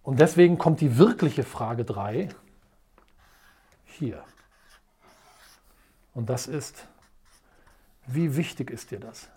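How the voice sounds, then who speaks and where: Emphatic coach with a lively, husky voice. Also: medium pitch, slow, pauses often. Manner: emphatic, repeats rhetorical questions; tells stories in a lively, dramatic way. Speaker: motivational coach. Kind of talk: motivational video lesson at a whiteboard.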